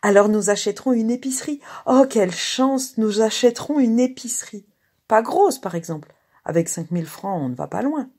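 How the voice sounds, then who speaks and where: A woman voicing a lively young working girl who is brisk, mocking and eager as she reads the story aloud. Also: on the low side, creaky, breathy edge, heavily acted. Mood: excited. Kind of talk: dramatized story reading.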